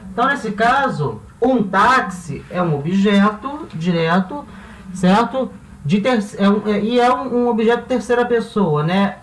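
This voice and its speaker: A Brazilian man teaching a Spanish grammar lesson in Portuguese. He keeps checking in with his students and slows down to spell out example words. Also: high voice, recorded from a distance. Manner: checks in constantly with "tá?" and "certo?". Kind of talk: classroom-style lesson explanation. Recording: roomy sound, voice a bit off-mic, faint hiss.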